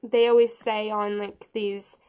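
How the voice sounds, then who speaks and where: A woman giving a casual step-by-step craft tutorial, chatty and halting with frequent restarts. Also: medium pitch, flat delivery, warm tone, clear, resonant tone.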